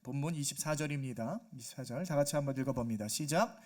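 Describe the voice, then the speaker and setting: A man preaching a Sunday sermon as pastor, animated, acting out quoted voices and asking the congregation questions. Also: medium pitch, fast. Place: church sanctuary.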